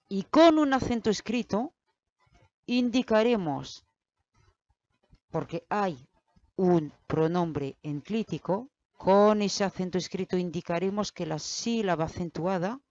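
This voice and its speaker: A woman teaching a grammar lesson, explaining slowly and deliberately and speaking straight to the learner. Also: mid-range voice, darkish tone, no room sound. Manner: slow, deliberate explaining, addressing the learner directly. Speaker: Spanish teacher. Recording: dull, lo-fi, dry sound.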